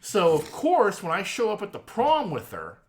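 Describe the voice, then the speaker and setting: A middle-aged podcast co-host tells a story casually and profanely, acting out quotes and laughing often. His high voice swings hugely in pitch while keeping a moderate pace.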